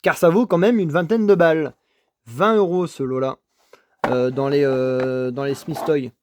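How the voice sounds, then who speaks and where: Male vlogger, slightly high-pitched, stammering and gushing over toy cars, dry close sound. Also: steady tone, measured pace, darkish tone, no room sound. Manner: enthusiastic, repetitive praise, stammers and restarts. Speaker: toy car collector vlogger. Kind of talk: casual unboxing commentary. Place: home desk setup.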